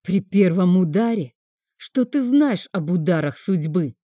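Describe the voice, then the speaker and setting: A woman's voice: on the low side, lively intonation, a little slow, dark tone, no echo, clean studio sound. Woman voicing a bitter grieving man. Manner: bitter, biting.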